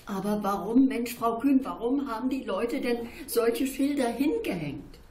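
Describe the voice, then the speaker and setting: A woman's voice: mid-range voice, expressive, normal speed, darkish tone, pitched above the performer's own voice, natural voice. A woman reading aloud and voicing a curious, outspoken schoolchild who keeps asking why. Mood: insistent. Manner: insistent questioning. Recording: roomy echo.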